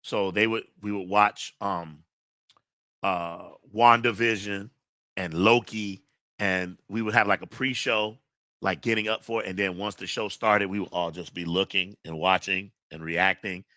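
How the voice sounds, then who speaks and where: A middle-aged man hosting a live stream, talking in a rambling, relaxed way with many fillers. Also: sits low, measured pace, no echo. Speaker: host. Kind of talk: casual live-stream chat.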